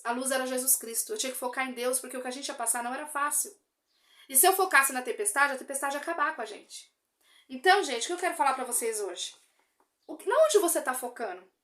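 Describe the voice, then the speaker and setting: Brazilian woman, earnest faith testimony, high voice, repeats herself for emphasis. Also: a bit bright. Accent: Brazilian Portuguese. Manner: earnest, addresses listeners directly, repeats phrases for emphasis. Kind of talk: emotional religious testimony.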